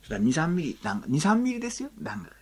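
A man's voice: fairly high pitch, huge pitch swings, rapid-fire, creaky, breathy edge. A man preaching a sermon as pastor, chatty and folksy, often asking the congregation questions and adding little tags.

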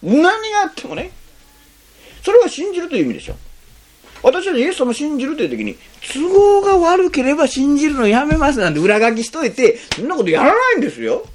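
A man's voice: fast, slight background noise. A man preaching a sermon as a pastor, in a conversational way, often adding a questioning "ne" to his sentences. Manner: conversational, frequent tag "ne", lively swings in pitch.

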